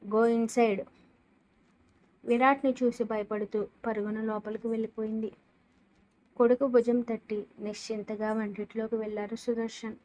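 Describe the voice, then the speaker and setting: Mellow, fairly high-voiced woman storyteller. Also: level tone, moderate pace, rough recording. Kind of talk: scripted audio story narration.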